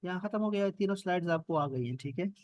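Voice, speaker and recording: A man with a Pakistani Urdu accent teaches an online class over a video call. His voice sits high and sounds dry and close to the mic. He repeats words patiently and checks in with his students often. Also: no room sound. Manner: patient, repeats words slowly for students, asks "theek hai?". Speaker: Arabic and Quran grammar teacher.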